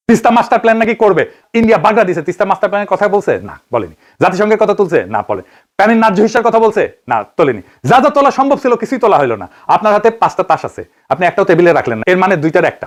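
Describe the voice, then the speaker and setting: A man from Bangladesh with a Bangladeshi Bengali accent, giving an investigative political commentary monologue, firing rhetorical questions and answering them himself. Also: high voice.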